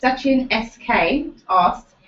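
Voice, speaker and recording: A woman's voice: a little high, animated, takes it slowly, fairly bright tone. A British woman, a producer informally reading out questions sent in by viewers. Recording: roomy, slightly dull off-camera sound.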